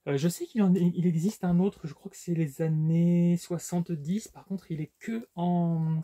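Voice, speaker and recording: With a high, unhurried and mellow voice, a man casually shows off his book collection in a vlog. His talk is hesitant and full of fillers and restarts, like a relaxed unboxing chat.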